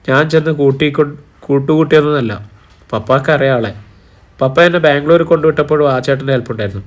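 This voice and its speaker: A man voicing an impulsive young woman, a nursing student, who pleads and complains quickly in an audiobook. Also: mid-range voice, natural voice. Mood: complaining.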